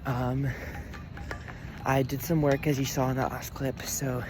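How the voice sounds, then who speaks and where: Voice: medium pitch, little pitch movement, measured pace, music in the background. A person in their twenties, a college student vlogging casually while walking around outdoors, rambling and laughing often. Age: 20s. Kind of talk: casual vlog chat.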